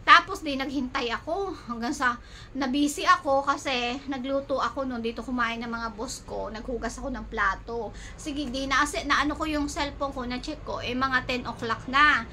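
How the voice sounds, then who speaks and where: Woman from the Philippines, middle-aged, vlogger, high bright voice, animated storytelling, faint background noise. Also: moderate pace. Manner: animated retelling, acts out both sides of chats. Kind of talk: casual storytelling to viewers.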